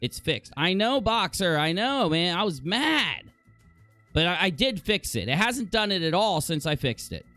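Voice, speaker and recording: Streamer host, male, lively pitch, talkative ranter with faint music behind. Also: measured pace, dry recording. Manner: animated, ranting, swears casually. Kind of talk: casual livestream chat.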